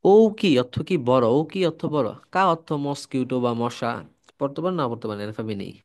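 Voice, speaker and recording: A man's voice: mid-range voice, lively intonation. A man from Bangladesh, teaching a language lesson, repeating words and quizzing the listener. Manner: drills syllables slowly for practice. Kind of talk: classroom-style lesson.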